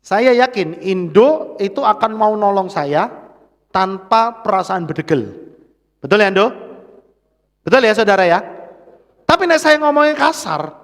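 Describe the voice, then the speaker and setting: A man's voice: high-pitched, animated, measured pace, pauses often. A man with a Central Javanese accent preaching a sermon, often calling on the congregation to answer amen. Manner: engaging, prods the congregation for "amen". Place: church hall. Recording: reverberant church hall.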